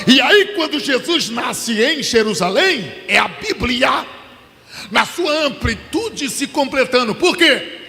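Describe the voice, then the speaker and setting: A male Brazilian preacher with a strikingly high, gravelly voice delivers a fervent sermon, dragging his phrases out slowly and shouting the refrains. Long reverb from a large church hall trails behind every line. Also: lively intonation, crowd noise. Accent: Brazilian Portuguese. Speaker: pastor. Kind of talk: Pentecostal sermon.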